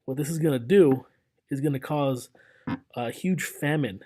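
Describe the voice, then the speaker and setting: A man's voice: medium pitch, unhurried, warm tone. A young man lecturing casually over slides as a history teacher, talking in a loose, conversational way with fillers and restarts.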